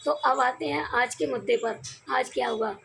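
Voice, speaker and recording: Hoarse, gravelly Indian woman vlogger. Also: high-pitched, normal speed, a bit bright, a little hiss or hum. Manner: confiding storytelling to viewers. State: hoarse from crying and shouting. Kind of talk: casual vlog chat.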